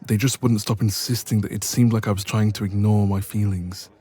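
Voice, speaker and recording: His voice is lowish and dark with a breathy edge, fairly quick, and mostly even in intonation. He voices an evasive, bashful best friend secretly in love, hesitant and embarrassed, in a one-sided romance ASMR roleplay.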